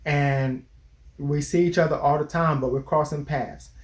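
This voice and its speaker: Man in his twenties or thirties, therapist co-host, lecturing tone, a bit high-voiced. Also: steady tone, moderate pace. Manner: earnest, lecturing, restarts mid-sentence. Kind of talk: casual advice chat.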